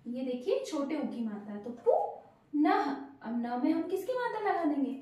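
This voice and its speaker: A woman's voice: high-pitched, sing-song, normal speed, warm tone. A woman teaching a language lesson to children, patiently asking her learners questions and praising them. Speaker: Hindi teacher. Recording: very echoey room.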